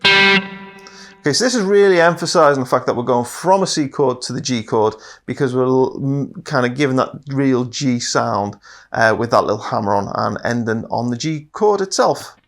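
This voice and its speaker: A man's voice: mid-range voice, animated, moderate pace. A man giving a casual, step-by-step guitar lesson, explaining patiently and counting off each part with an easygoing "okay". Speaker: guitar teacher. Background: guitar playing.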